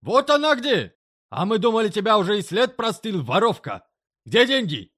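A woman voicing a crude, menacing middle-aged male boss who growls threats in a low, rough voice. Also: sing-song, moderate pace, fairly bright tone. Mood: threatening.

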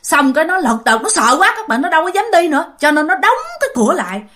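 A woman narrates a ghost story in a chatty style, often speaking straight to her listeners. Her voice sits high and swings widely in pitch. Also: sing-song, fast, fairly bright tone. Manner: chatty, addresses listeners directly.

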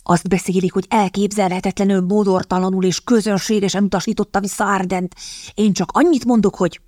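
A woman reading the part of an amused young English gentleman who talks lightly and offhandedly. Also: high voice, fairly even intonation, dry recording, clean studio sound, natural voice.

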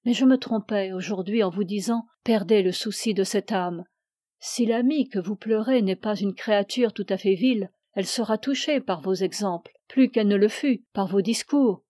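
A man's voice: high-pitched, moderate pace, dark tone, no room sound, clean studio sound, lightly acted. A woman reading the part of an aging ascetic priest who preaches with solemn fervor. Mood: grave. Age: older. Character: aging ascetic male priest, imperious and pleading.

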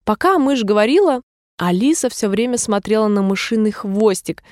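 A woman reading a storybook aloud in a calm, even narration. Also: mid-range voice, normal speed, dry recording, clean studio sound. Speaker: audiobook reader.

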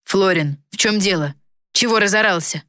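A woman's voice: medium pitch, normal speed, sharp tone, no room sound, studio quality, lightly acted. A woman voicing a hot-tempered young male captain who speaks curtly and impatiently. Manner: gruff, curt, impatient.

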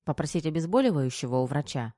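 Man doing devoted young woman, tearful, teasing, soft raised pleading voice, dry audiobook. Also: a little high, expressive, quick pace, no room sound, close to an everyday voice.

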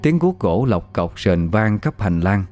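Brief: deep-voiced male storyteller, grave and measured horror narration, faint music underneath. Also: sing-song, a little mellow.

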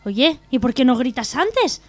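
A young woman co-hosting a community radio humor show, telling jokes in a brisk, matter-of-fact way. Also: high voice, sing-song, no echo, faint music behind.

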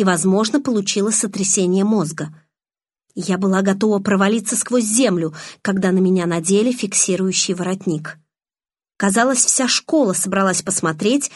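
A woman reads a first-person novel aloud with lively, expressive delivery. Her voice is husky at a middle pitch, recorded close and dry. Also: no echo. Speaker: audiobook narrator.

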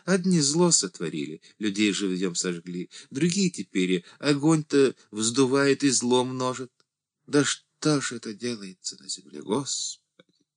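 Playing a small, frail, timid old church deacon, a man pleads in a high, fretful voice that climbs to near cries. His delivery is sing-song and a little slow.

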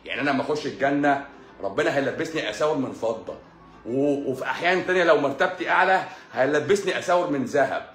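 A man's voice: mid-range voice, animated, fast, fairly bright tone. A man with an Egyptian Arabic accent, a doctor answering viewer comments in a live-stream monologue, sarcastic and scolding, repeating phrases for emphasis. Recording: echoey room with faint music.

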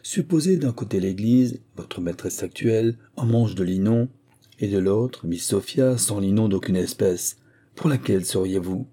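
A man's voice: lowish voice, moderate pace, warm tone, breathy edge. A man voicing a boastful, mocking country squire in an audiobook, with showy, pseudo-learned bluster. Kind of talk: audiobook character reading.

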